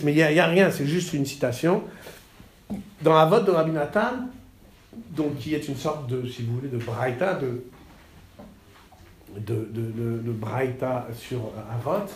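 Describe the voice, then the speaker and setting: Male teacher in class, fairly high voice, halting delivery with lively stresses, roomy echo. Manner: halting, repeats words, animated stresses. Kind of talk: classroom text study.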